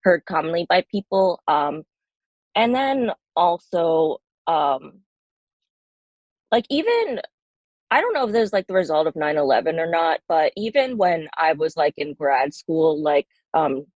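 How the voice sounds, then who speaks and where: A woman's voice: deep voice, big pitch swings, measured pace, a little mellow, no room sound. Woman, thirties, interview guest, hesitant, filler-heavy, dry close sound. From Bangladesh, raised in New Jersey. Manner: hesitant, many ums and likes, matter-of-fact. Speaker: guest poet. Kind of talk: casual interview.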